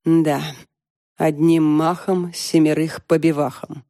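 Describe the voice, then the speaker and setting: Quiet, controlled wounded wife, read by a woman; mellow, dry tone. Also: deep voice, flat delivery, slow, no room sound. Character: calm, wounded middle-aged wife.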